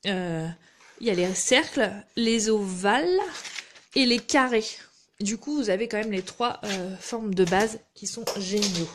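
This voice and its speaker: A woman hosts a live craft tutorial, chatting casually and describing her hands-on work with small asides. She speaks unhurriedly in a mid-range voice, with a slight hiss or hum in the audio.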